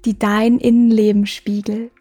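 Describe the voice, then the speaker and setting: A woman hosting a meditation podcast, guiding the listener in a soft, slow, soothing way with long pauses. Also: mid-range voice, level tone. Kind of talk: guided meditation. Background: music.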